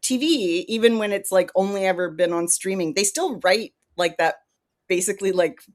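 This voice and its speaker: A woman from Canada co-hosting a podcast, chatting casually and joking with loud laughs. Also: medium pitch, normal speed. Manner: animated, jokey, laughs loudly. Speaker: podcast co-host. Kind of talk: casual chat.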